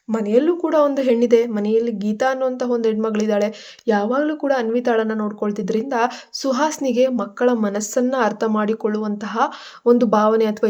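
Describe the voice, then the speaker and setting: A woman narrating a scripted story with a steady, expressive reading. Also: on the high side, muffled recording.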